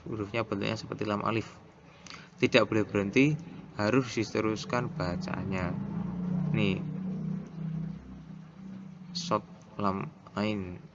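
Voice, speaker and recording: A male teacher giving a recorded lesson, explaining step by step and reciting examples slowly. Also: fairly low pitch, creaky, fairly bright tone, highs cut off, a little hiss or hum.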